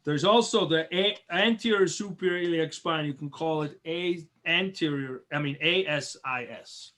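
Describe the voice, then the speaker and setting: A man from Switzerland teaching a biology review class over a video call, chatty and encouraging, slowly repeating terms. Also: on the high side, fairly bright tone.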